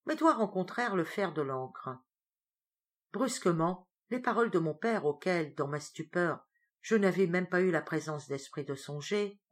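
Woman reading a tale dramatically. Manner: expressive, theatrical, with sudden rises in pitch and loudness for suspense. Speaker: storyteller. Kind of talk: dramatic reading of a first-person sea tale.

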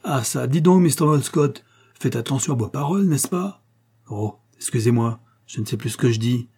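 A man voicing a flustered, pompous male insurance director in a read-aloud story, indignant and somewhat raised in pitch. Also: monotone, brisk, dark tone, slightly rough, natural voice. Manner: indignant, stammering.

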